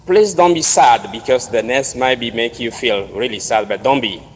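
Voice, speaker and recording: A man from Togo with a Togolese accent gives a formal commencement speech with personal storytelling, speaking deliberately in short, separated phrases. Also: mid-range voice. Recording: noisy, reverberant large hall ambience.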